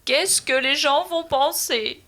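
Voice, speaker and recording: A woman's voice: high voice, slow, a bit bright, voice pushed up. A woman voicing a worried young mother in a storybook reading. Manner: fretful, then giggly.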